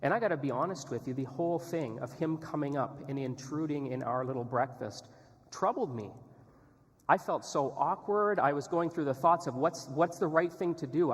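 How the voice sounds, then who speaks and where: Earnest man preaching in a reverberant church. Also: a little high. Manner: earnest storytelling, candid. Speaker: missionary. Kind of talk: sermon testimony. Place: church sanctuary. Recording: long reverb in a church hall.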